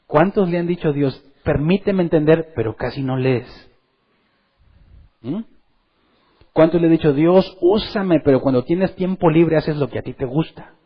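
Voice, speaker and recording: A man preaching a sermon in church, lively, and acting out the voices of the people he quotes. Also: a little high, breathy edge, muffled recording. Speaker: pastor.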